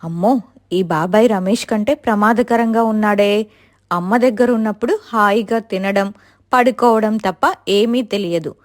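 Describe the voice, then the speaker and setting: A woman's voice: mid-range voice, normal speed, lightly acted. A woman voicing a pampered young wife who pleads in a tearful, frightened tone. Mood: pleading.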